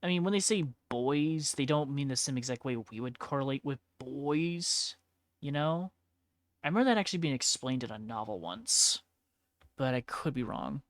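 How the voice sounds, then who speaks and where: A woman's voice: rumbling low, expressive, normal speed, no room sound. A woman streamer in casual chat while painting miniatures, chatty, laughing often and blunt, with plenty of swearing.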